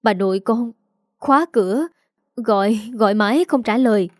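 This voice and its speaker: A woman's voice: on the high side, moderate pace, no echo, studio quality, lightly acted. A woman voicing a flustered, anxious daughter-in-law. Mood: frightened. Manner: flustered and alarmed. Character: anxious middle-aged daughter-in-law, easily frightened.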